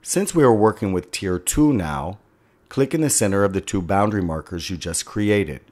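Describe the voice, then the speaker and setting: A man narrating a step-by-step software tutorial as an instructor, a voice-over for a screen recording. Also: lowish voice, animated, normal speed.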